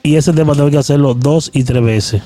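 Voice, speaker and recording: A man's voice: fairly high pitch, fairly quick, dark tone, faint music behind. A Dominican man, a musician guest, talking earnestly about his songs in a casual interview. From Dominican Republic.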